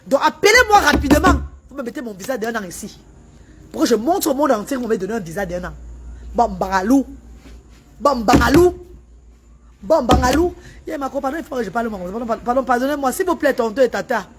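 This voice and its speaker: A woman's voice: sits high, animated, quick pace, background noise. Emphatic woman livestreaming. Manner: emphatic, repetitive, pleading and scolding. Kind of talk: livestream rant.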